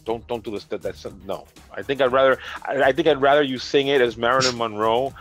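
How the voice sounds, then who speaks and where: A man's voice: mid-range voice, brisk, fairly bright tone, faint music behind. A man in his fifties co-hosting a gaming podcast, teasing and exasperated in banter and explaining the news. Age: 50s. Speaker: podcast co-host.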